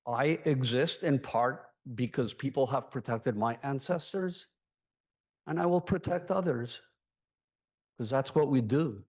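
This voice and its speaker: Slow, halting older man giving public comment. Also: mid-range voice, darkish tone. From Chile. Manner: halting, many ums and pauses. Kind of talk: public comment at a city meeting. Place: city council chambers.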